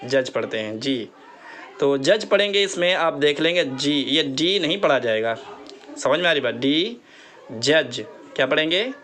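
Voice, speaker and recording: A man teaching a lesson, repeating words slowly and asking the viewer questions. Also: on the high side, lively intonation, fairly bright tone. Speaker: English teacher. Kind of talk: spoken English lesson.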